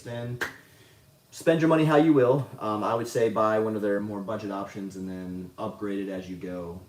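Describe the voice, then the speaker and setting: Laid-back, rambling man in a roomy space. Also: low voice. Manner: rambling, profane, self-mocking. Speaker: livestream host answering chat. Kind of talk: casual livestream chat. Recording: roomy, distant mic, faint noise.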